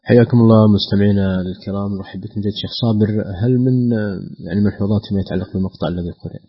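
A male radio host speaks very quickly in a slightly husky voice. He is welcoming and brisk, and moves the call-in program along with short questions. The sound is muffled and lo-fi. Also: fairly low pitch, steady tone. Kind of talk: hosting a call-in recitation program.

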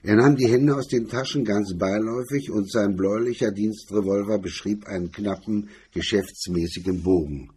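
A man narrating a crime story in a measured, steady reading. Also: fairly low pitch, a little hiss or hum.

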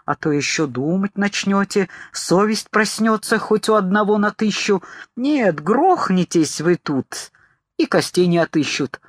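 A man's voice: high-pitched, expressive, measured pace, no echo, studio quality, voice pushed up. A man voicing a defiant male co-pilot who speaks with scorn and a strengthening voice, in an audiobook reading.

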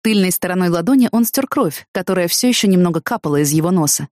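A woman reads a first-person audiobook with expressive storytelling. Her pitch moves a lot, and the recording is dry and close. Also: fast talker, dry recording. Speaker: audiobook narrator.

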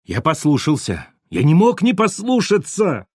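A man voicing a terrified male drunk electrician who pleads, whimpers and breaks into hysterical shouts in an audiobook. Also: mid-range voice, lively intonation, unhurried, no echo, clean studio sound. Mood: pleading. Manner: pleading, tearful, near-hysterical.

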